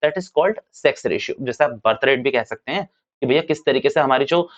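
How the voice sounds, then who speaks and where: A man's voice: medium pitch, animated, moderate pace. A man, teaching commerce in a casual classroom lecture and repeating his points as he talks to students. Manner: chatty, addresses students as "bhaiya", repeats points. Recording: dull lo-fi sound.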